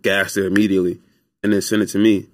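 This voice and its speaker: A young man, a music producer, telling stories in a relaxed, rambling interview full of fillers. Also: deep voice, fast, no echo, studio quality. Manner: laid-back, rambling with many fillers. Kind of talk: casual storytelling interview.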